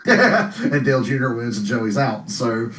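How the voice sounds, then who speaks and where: A man's voice: mid-range voice, sing-song, a bit bright, distant mic. A middle-aged man co-hosting a podcast, chatting casually and rambling through stories with frequent laughs. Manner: rambling storyteller, laughs often, quick interjections. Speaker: podcast co-host. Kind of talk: casual chat. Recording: roomy sound, set back from the mic.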